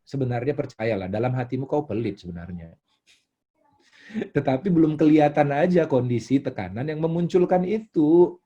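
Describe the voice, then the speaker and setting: A man preaching a sermon with an Indonesian accent, swinging from quiet asides to loud, emphatic bursts as he tells a story to his congregation. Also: medium pitch, lively intonation, moderate pace, breathy edge, highs cut off. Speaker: pastor.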